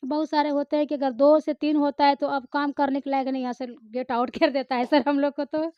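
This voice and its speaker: A woman's voice: high voice, flat delivery, fairly quick, dry recording. A woman who acts in films answers interview questions in a chatty, rambling way with many hesitations. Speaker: film actor. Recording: slightly muffled, dry recording.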